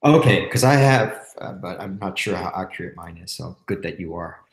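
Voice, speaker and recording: Male player, low voice, casual and relaxed, echoey room. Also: moderate pace. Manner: relaxed, thinking aloud. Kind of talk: casual tabletop game chat.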